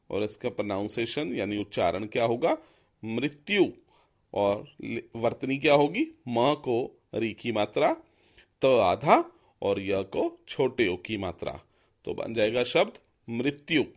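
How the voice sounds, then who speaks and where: Male teacher, unhurried and methodical, spells words out step by step; lively intonation. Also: mid-range voice. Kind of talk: explaining a Hindi grammar lesson.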